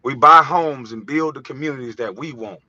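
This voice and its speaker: A man's voice: mid-range voice, normal speed, pushed and bright, no room sound. A man from the United States delivering an impassioned, profane vlog monologue, heated and preachy. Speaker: vlogger. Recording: dull, dry lo-fi recording.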